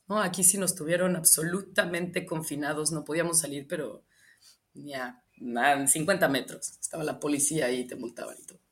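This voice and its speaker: A young Mexican woman who grew up in Michoacán, answering interview questions and telling stories with lively, acted-out quotes. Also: on the low side. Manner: animated storytelling, acts out quoted lines.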